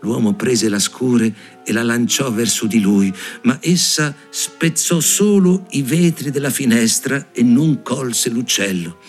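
Expressive male fairy tale reader. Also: medium pitch, takes it slowly, few pauses, soft background music. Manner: expressive storytelling.

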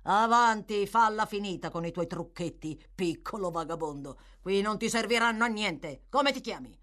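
A woman reading aloud, voicing a bullying, sneering male magistrate who barks loud, scornful orders in an audiobook. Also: fairly high pitch, big pitch swings, a little slow, pitched above the performer's own voice.

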